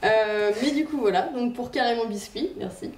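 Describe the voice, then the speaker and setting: A woman's voice: fairly high pitch, moderate pace, darkish tone, distant mic, a little hiss or hum. Woman guest heard off-mic in a roomy space. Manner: hesitant, many fillers. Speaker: guest from a film association. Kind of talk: interview answers. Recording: echoey room from off-mic.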